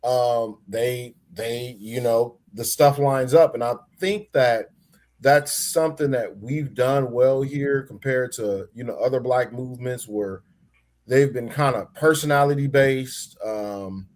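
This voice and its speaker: A man on a live panel lays out his argument in a measured, deliberate way. His voice sits at an ordinary middle pitch. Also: a little mellow. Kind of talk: casual chat.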